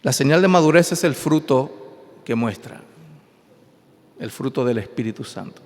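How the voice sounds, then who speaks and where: A man's voice: mid-range voice, animated, a little slow. A pastor preaching an emphatic sermon, his voice rising and falling. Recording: long hall reverb.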